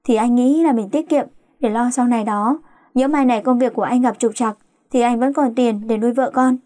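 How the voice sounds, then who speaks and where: A woman voicing a polite young man who talks hesitantly and gently on a first date. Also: a little high, fairly quick, dry recording, studio quality, close to an everyday voice. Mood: flustered.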